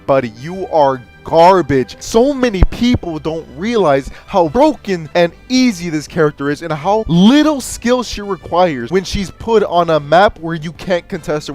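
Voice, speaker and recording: A man's voice: fairly high pitch, a little mellow. A man delivering an escalating comedy rant as a gaming streamer, sarcastic and exasperated, with emphatic swearing. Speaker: gamer, streamer. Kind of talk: escalating comedy rant about a video game, profane.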